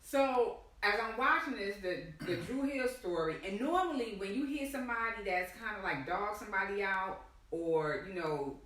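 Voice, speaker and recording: Bright-voiced woman chatting in an echoey room. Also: mid-range voice, lively intonation, moderate pace, distant mic. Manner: talkative, addresses listeners as y'all. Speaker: co-host. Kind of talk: casual live-stream chat.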